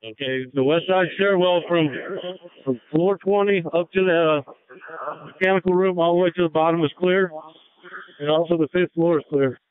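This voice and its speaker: A man's voice: a little high, moderate pace, smooth, no echo. A man, a firefighter, giving terse status reports over a two-way radio. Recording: tinny, narrow-band fire radio channel.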